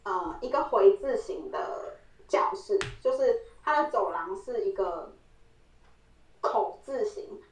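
Speaking slowly and expressively at a medium pitch, a podcast co-host tells a story in casual chat, laughing a lot and acting out quoted lines. She is far from the mic, so the recording carries a roomy echo.

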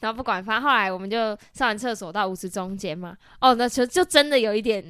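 Fast-talking bright Taiwanese woman. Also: medium pitch, clean tone, no room sound, clean studio sound. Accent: Taiwanese Mandarin. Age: 20s. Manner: animated storytelling, frequent laughter and swearing. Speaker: podcast co-host. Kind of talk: casual chat.

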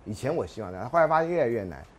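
Male university lecturer, lively swinging pitch, quick pace, acts out voices in stories. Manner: animated storyteller, acts out dialogue, frequent rhetorical questions. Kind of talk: anecdotal classroom lecture.

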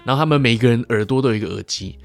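Male co-host, rapid storyteller, mid pitch, acts out quotes, faint music bed. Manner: animated storyteller acting out quoted lines, laughs often. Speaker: podcast co-host. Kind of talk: casual chat, retelling TV sketches.

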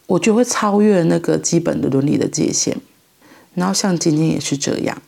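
Middle-aged woman, Taiwanese Mandarin accent, reflective monologue; heavy vocal fry, breathy, halting phrasing. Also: low voice, a little mellow. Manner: halting, thoughtful, pauses mid-phrase. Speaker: mother sharing parenting reflections.

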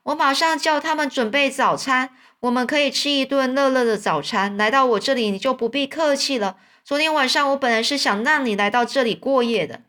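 A woman's voice: sits high, fairly quick, few pauses, a bit bright. A woman voicing a kindly, talkative old man in a storybook reading. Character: kind old man, warm father.

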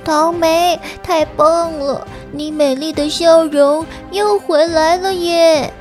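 A woman's voice: very high-pitched, fairly even intonation, slow, faint music behind. A woman voicing an earnest, polite little fairy girl in a children's storybook, with a tiny, sweet, childlike delivery. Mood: delighted. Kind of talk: children's audio storybook acting.

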